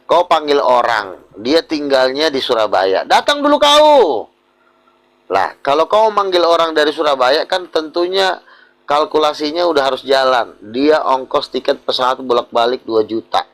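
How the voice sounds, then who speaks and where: A man's voice: normal speed, a bit bright. A man, a preacher lecturing bluntly in a heated group discussion. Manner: blunt, lecturing, interrupts often; mimics others in higher voice. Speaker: pastor in online debate.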